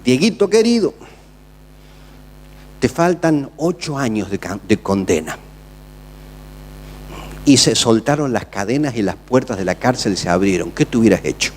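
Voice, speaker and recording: A man with an Argentine Spanish accent, a pastor preaching a sermon with dramatic swings between loud calls and quiet asides. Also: medium pitch, sing-song, measured pace, pauses often, in a large hall, slight background noise. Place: large church hall.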